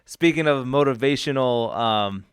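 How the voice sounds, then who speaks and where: A man's voice: mid-range voice, measured pace, clean tone, dry recording, clean studio sound. A man co-hosting a radio station podcast, laid-back and joking, laughing often. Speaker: podcast co-host. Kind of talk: casual chat.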